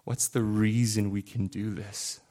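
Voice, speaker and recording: A man preaching a sermon in an earnest, confessional way, building from quiet reflection to impassioned emphasis. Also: fairly low pitch, little pitch movement, measured pace.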